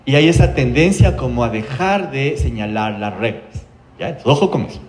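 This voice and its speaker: A man's voice: medium pitch, normal speed, reverberant. A man with an Ecuadorian accent, a psychologist giving a workshop to parents, telling stories and acting out quoted voices. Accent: Ecuadorian Spanish. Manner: animated storytelling, acting out quoted voices, frequent tag questions. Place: room, workshop.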